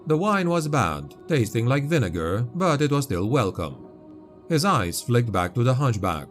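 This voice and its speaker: Dark, dramatic male fantasy narrator over music. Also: mid-range voice, sing-song, normal speed. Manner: grave, dramatic, dark storytelling. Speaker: audiobook narrator.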